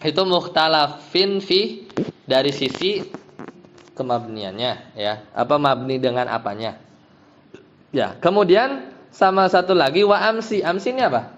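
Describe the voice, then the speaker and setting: A man's voice: fairly high pitch, expressive, a little slow, a bit bright, slight background noise. A man, an Islamic teacher, explaining Arabic grammar to a class, patiently checking that his students follow. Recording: dull lo-fi sound.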